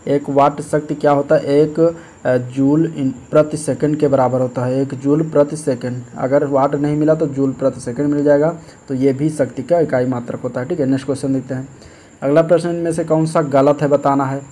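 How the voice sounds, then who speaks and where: A man's voice: mid-range voice, normal speed. A man teaching as an exam-prep tutor, working through practice questions step by step and often checking in with "okay". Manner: steady explanatory, repeats "ठीक है", frequent fillers. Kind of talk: explaining practice test questions.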